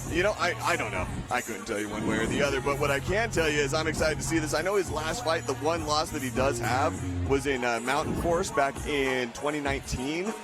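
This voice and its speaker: A man's voice: a little high, fairly quick, few pauses. A man giving conversational, enthusiastic live commentary as a fight commentator. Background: music.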